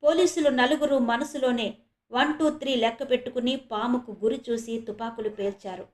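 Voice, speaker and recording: A woman from India reading a serialized horror novel aloud as a storyteller, steady and dramatic. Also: on the high side, normal speed. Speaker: storyteller, channel host. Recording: roomy echo.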